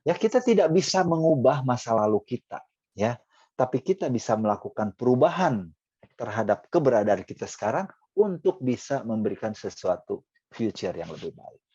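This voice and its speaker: A middle-aged man preaching a conversational sermon with animated pitch jumps for emphasis, often dropping in English phrases. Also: normal speed, breathy edge, dry recording, highs cut off.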